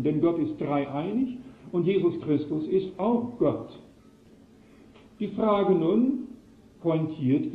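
A man's voice: on the high side, narrow, tinny audio. Man preaching an earnest sermon full of probing questions; roomy, echoey recording.

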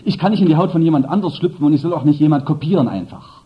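A man's voice: on the high side, racing, breathy edge. A man preaching a sermon, speaking emphatically and addressing the congregation with asides. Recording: dull lo-fi sermon recording.

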